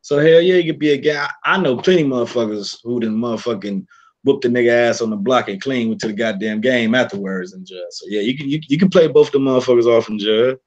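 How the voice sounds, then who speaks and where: A man on a round table panel, talking loudly and emphatically with heavy profanity. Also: mid-range voice, quick pace, highs cut off. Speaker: panel guest. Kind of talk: casual round table chat.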